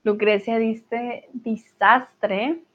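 A woman's voice: on the high side, fairly even intonation, very slow. A woman teaching a live online grammar lesson, patiently drilling verb conjugations aloud and reassuring her students. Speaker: Spanish teacher. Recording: slightly dull lo-fi sound.

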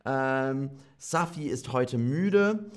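A man teaching a language lesson on a live stream, speaking at a very slow, deliberate pace. His pitch moves up and down a lot. He repeats each example sentence carefully and responds to viewers' comments. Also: lively intonation. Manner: reads out viewer comments and answers them. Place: streaming setup, indoors.

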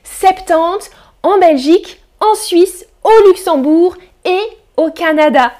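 A woman teaching pronunciation in a live-stream lesson, saying words slowly and clearly, repeating drills and greeting viewers in the chat. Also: extremely high pitch, darkish tone. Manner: slow, deliberate pronunciation drills with repeated examples. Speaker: French teacher.

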